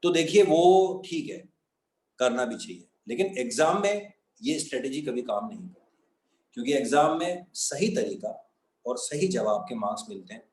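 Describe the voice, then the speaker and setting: A man's voice: mid-range voice, sing-song, moderate pace, echoey room, poor audio. A man who teaches maths, explaining each step of a lesson and going over the key points again. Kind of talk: classroom lecture.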